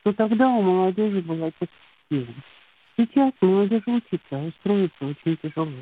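A woman's voice: mid-range voice, expressive, brisk, narrow, tinny audio. A woman caller earnestly giving her opinion on a live show over a poor phone connection. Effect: phone sound.

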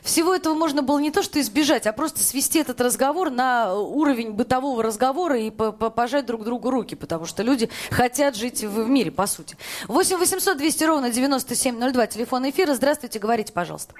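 A woman with a fairly high-pitched voice hosts a live radio call-in programme. She talks as a presenter does, addressing listeners and callers directly. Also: animated, fast talker. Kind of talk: live phone-in talk show hosting.

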